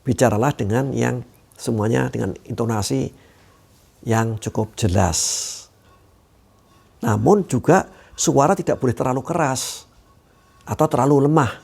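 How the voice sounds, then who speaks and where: A man talking as a communication trainer in an instructional video, walking through his points one by one. His voice has a gravelly, creaky texture at a middle pitch, and he often closes his sentences with a short "ya". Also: unhurried, long pauses, darkish tone. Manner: explanatory, often tags sentences with "ya".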